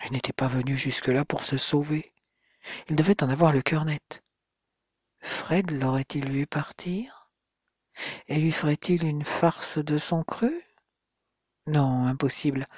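Brief: audiobook narrator, even mid voice, dry booth sound, measured suspense reading. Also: medium pitch, no echo. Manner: steady, measured storytelling with slowed suspense moments. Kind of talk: scripted novel narration.

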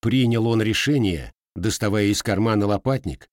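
A man's voice: on the low side, normal speed, dry recording, clean studio sound. A man reading a historical novel aloud as an audiobook narrator, giving the characters their own slight voice changes.

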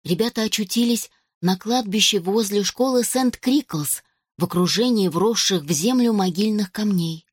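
A woman reading a children's adventure story aloud as narrator, steady and expressive. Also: medium pitch, normal speed, slightly rough, dry recording, studio quality. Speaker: audiobook narrator.

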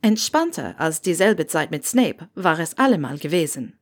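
A woman's voice: sits low, sing-song, normal speed. Woman reading a story aloud. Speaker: audiobook reader. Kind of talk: fan fiction reading.

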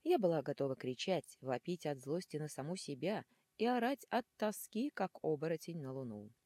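A woman reading a first-person fantasy audiobook with a husky voice, narrating dramatically and expressively. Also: low voice, normal speed, no room sound, clean studio sound. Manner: animated, dramatic, shifting into hissing whispers.

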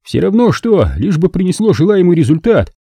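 A man doing a calm, unflappable companion. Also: high-pitched, husky, no echo, studio quality, voice pushed up, exaggerated voice. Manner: calm, even, unhurried. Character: calm, composed man facing down a gunman. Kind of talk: audiobook character voice.

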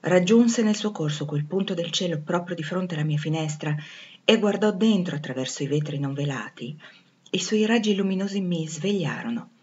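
A woman reading a classic novel aloud in a measured, expressive way. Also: fairly low pitch, lo-fi sound. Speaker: audiobook reader. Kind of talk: literary audiobook narration.

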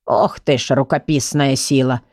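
A woman voicing a gruff, blunt male magical book. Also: extremely low pitch, fairly even intonation, normal speed, darkish tone, dry recording, studio quality, pitched below the performer's own voice.

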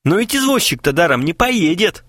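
A man's voice: high-pitched, big pitch swings, moderate pace, fairly bright tone, dry recording, pitched above the performer's own voice, heavily acted. A man voicing a cool, mocking young prankster who talks in a dry, matter-of-fact way.

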